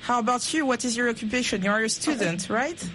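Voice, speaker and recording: A woman in her twenties asking friendly, clear questions on a practice call. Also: a little high, fast talker, fairly bright tone, slight background noise. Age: 20s.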